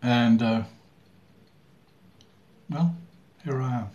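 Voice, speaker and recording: A middle-aged man from Sweden, talking casually to camera in a halting way with long pauses and throat clearing. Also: mid-range voice, darkish tone, lo-fi sound. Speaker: vlogger. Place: small room at home indoors. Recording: clearly audible background noise.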